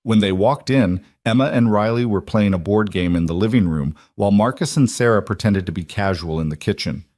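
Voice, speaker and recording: A man narrating a romance story in a calm, measured scripted storytelling voice. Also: fairly low pitch, no echo, clean studio sound.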